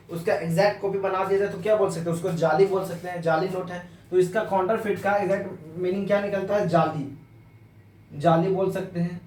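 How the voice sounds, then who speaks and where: A man's voice: high-pitched, a little mellow, slight background noise. A man teaching English vocabulary, explaining in Hindi, repeating words and spelling them out letter by letter. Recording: roomy echo, voice a bit far from mic.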